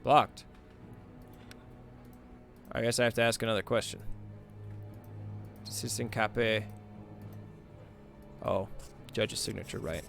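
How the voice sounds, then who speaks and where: A man's voice: lowish voice, steady tone, slow pace, vocal fry, long pauses, a bit bright. A man hosting a gaming video, reading game text aloud and muttering casual commentary to himself. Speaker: gaming host. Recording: game music behind the voice. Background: game music.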